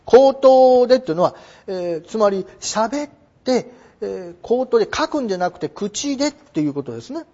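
A man's voice: sits high, expressive, moderate pace, warm tone. A middle-aged man teaching English vocabulary in a polite, explanatory way, full of fillers and small digressions. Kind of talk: lecture on English phrasing. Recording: dull lo-fi recording.

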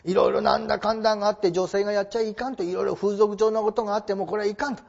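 A man's voice: high voice, little pitch movement, rapid-fire, gravelly, darkish tone. A man giving a polite, explanatory classroom lecture, posing rhetorical questions to his listeners, on a dull lo-fi recording. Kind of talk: classroom lecture on traditional theatre.

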